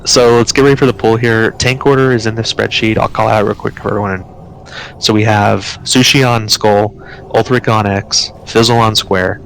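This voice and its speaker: A man leading an online game raid, explaining tactics and then calling quick commands. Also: lowish voice, steady tone, gravelly, a bit bright, slight background noise, rough recording. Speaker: raid leader. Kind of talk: live game commentary.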